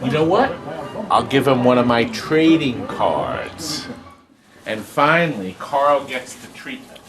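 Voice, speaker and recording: A man's voice: medium pitch, animated, slow, over music. A man hosting a casual walk-through tour video, chatty and rambling with jokey asides. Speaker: host giving a video tour of his arcade business. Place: indoors in an arcade game warehouse.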